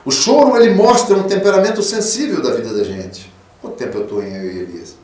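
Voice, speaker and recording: A man, a pastor, preaching a radio sermon, fatherly and emphatic, swinging from loud peaks to soft low tones. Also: brisk, reverberant, far from the mic. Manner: fatherly, calls listeners 'filho'. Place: radio studio.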